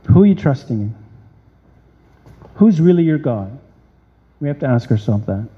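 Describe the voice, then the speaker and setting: A man preaching a sermon, reading scripture aloud and firing off rhetorical questions with animated emphasis. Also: mid-range voice, moderate pace. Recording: dull lo-fi sound with long hall reverb.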